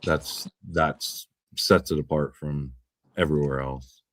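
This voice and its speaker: Male podcast host, very low voice, dry sound, rambling and blunt. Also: steady tone, slow, fairly bright tone, no room sound. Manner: rambling, repeats words, swears when riled. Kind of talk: casual political chat.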